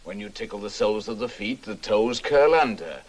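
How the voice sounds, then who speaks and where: A wry, urbane American scholar. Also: male voice, lowish voice, lively intonation, moderate pace, darkish tone. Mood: lecturing. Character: suave middle-aged American scholar host, wry. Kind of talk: 1960s film acting.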